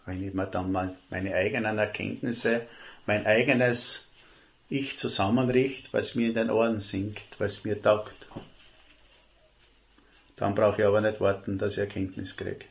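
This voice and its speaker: A man preaching a sermon, earnest and emphatic, slowing down to stress key words. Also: fairly low pitch, flat delivery, gravelly. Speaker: lay preacher. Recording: dull lo-fi recording.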